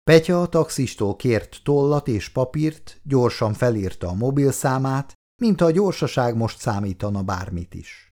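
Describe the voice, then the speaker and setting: Male audiobook reader, gravelly low voice, animated delivery. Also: few pauses. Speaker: audiobook narrator. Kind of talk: scripted narration.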